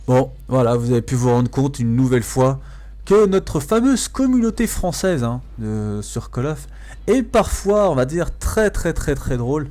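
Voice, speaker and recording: A man's voice: medium pitch, very animated, a little slow, warm tone. A man giving casual, amused gameplay commentary as a video host, hesitating and repeating phrases for emphasis. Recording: faint noise, game sounds behind.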